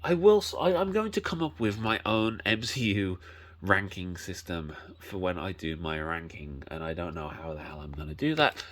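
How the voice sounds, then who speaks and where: Deep-voiced rambling man. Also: lively intonation, moderate pace, a bit bright. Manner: rambling, self-correcting. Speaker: collector showing his collection. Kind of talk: casual collection showcase.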